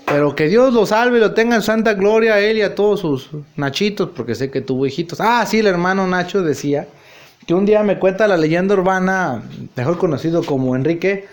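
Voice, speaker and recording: A man's voice: sits high, expressive, a little fast. A man, hosting a podcast and telling rambling stories full of crude slang. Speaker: podcast host. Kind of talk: casual storytelling monologue.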